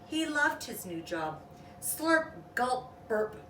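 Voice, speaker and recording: A woman reads a children's story aloud with lots of expression, stretching out the sound words and tossing in casual asides. Her voice sits high with big pitch swings, slow and pushed yet bright. The recording is from a distant mic in an echoey room, with faint noise.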